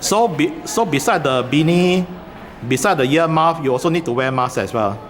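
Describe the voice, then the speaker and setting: A vlogger with a Singaporean English accent chats casually while filming in a train station corridor, hesitating often with many fillers and restarts. His voice is a little high, with lively intonation and a normal speaking speed.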